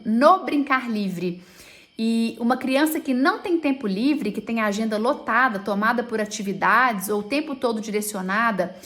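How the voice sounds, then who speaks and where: A woman educator giving an informal talk on children's free play and telling a personal story, with many diminutives and a pace that stretches and rushes. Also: on the high side.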